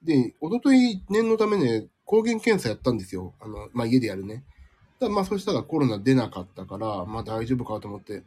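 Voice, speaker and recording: A man's voice: medium pitch, sing-song, brisk, dark tone, slightly rough. A man hosting a casual live stream from home, chatting with listeners in a sleepy, rambling, self-deprecating way, slightly nasal from a cold. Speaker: livestream host.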